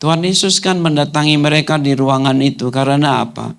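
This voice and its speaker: A man's voice: fairly high pitch, fairly even intonation, fairly quick, vocal fry. Indonesian-speaking male pastor preaching. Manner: rhetorical questions to the congregation, rising to shouted commands. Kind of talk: sermon. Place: church hall.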